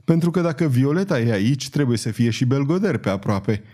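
Nervous lovesick fellow, played by a man, sheepish and stumbling, warm mellow tone. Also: mid-range voice, expressive, close to an everyday voice. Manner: sheepish, stammering. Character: lovesick, timid, hungry grown man.

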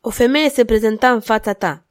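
A woman reading aloud and voicing a cold, relentless duchess who speaks in an insistent, measured way. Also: fairly high pitch, voice pushed up, close to an everyday voice.

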